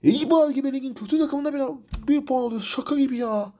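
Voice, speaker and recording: A man's voice: very high voice, fast talker, dark tone. A man commentating his football manager game career, frustrated and ranting, repeating himself. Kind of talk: let's-play commentary.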